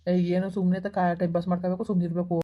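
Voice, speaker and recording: A woman's voice: fairly low pitch, little pitch movement, rapid-fire, highs cut off, natural voice. A woman playing a careless young man who brushes off his girlfriend's calls with mocking irritation in a village comedy skit. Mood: dismissive.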